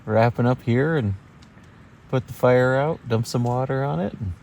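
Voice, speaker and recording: A man's voice: medium pitch, moderate pace, gravelly, a little mellow. A man talking casually for a vlog, with faint outdoor noise behind him.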